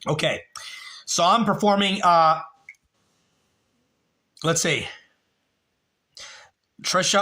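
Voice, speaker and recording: Profane, bright-voiced man telling stories. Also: fairly high pitch. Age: 30s. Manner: profane, talks to chat viewers by name. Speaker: livestream host. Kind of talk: casual rambling storytelling.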